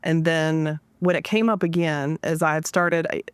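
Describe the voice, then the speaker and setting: A woman in her forties, a podcast guest, telling a casual story with lively asides and acted-out quotes. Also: low voice, moderate pace, smooth, no echo. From Washington DC area. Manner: animated, acts out quoted dialogue.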